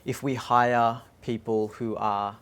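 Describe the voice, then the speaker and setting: A man's voice: medium pitch, little pitch movement, slow, a bit bright. A friendly, upbeat man from Australia with an Australian accent, chatting casually in a vlog and giving a motivational talk as a design speaker. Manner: friendly, upbeat, chuckles often.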